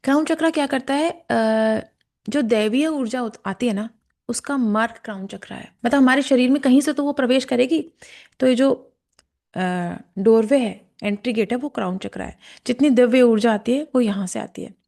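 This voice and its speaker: A woman leading a guided chakra meditation lesson, speaking slowly and calmly and softly chanting verses. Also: on the high side. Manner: slow, calm instruction with softly chanted verses. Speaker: meditation teacher. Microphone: camera and mic.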